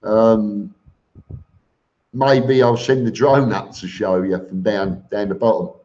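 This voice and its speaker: Slow and steady, a man with a fairly low, dark voice runs a laid-back live stream, reading viewer comments aloud and replying bluntly. His tone is informal and matey, addressing people as "mate," and the sound quality is dull and lo-fi.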